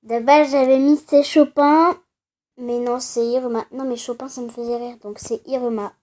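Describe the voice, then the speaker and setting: A woman's voice: high-pitched, steady tone, normal speed, dark tone. A woman playing a dating game and chatting casually to viewers, with teasing asides. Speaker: let's play gamer.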